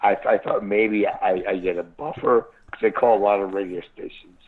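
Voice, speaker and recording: A man phoning into a radio show, his voice fairly low and squeezed thin through a crackly, tinny cell phone line that keeps breaking up. He rambles along, cursing freely and stumbling over his words. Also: fairly even intonation, moderate pace. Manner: profane, stammering with many restarts. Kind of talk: rambling live call-in chat.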